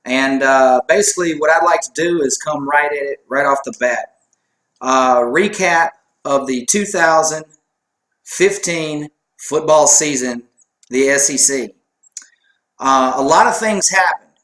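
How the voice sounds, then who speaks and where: A man's voice: fairly high pitch, measured pace, fairly bright tone. A man co-hosting a casual sports chat show, rambling and joking at his own expense. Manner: rambling, joking, self-deprecating. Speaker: co-host. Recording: echoey room.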